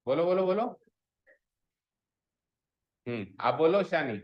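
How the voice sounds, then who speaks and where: A man's voice: fairly high pitch, lively intonation, slow, muffled recording. A man teaching a school maths class, mixing Hindi with English and drilling students on pronunciation. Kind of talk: classroom lecture.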